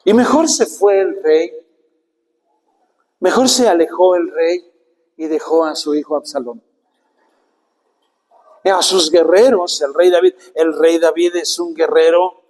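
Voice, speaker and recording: Slow-preaching man in a reverberant hall. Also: a little high, darkish tone. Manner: asks the listener direct questions, slow and earnest. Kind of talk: sermon.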